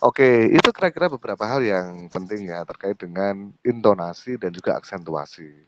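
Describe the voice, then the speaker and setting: A man with a Javanese accent giving an online public speaking workshop in a lively way, often slipping into Javanese asides. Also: fairly low pitch, normal speed, lo-fi sound, background noise. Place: home or office, video call.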